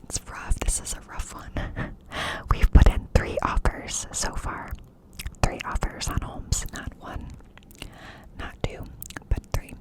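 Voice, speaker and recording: A woman speaks entirely in a soft, breathy whisper, very close to the microphone as if cupping it. She chats intimately in an ASMR style, confiding in the listener and lingering on repeated phrases. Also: takes it slowly, poor audio. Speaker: ASMR creator. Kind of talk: whispered ASMR life-update chat. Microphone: close mic with cupped whispering.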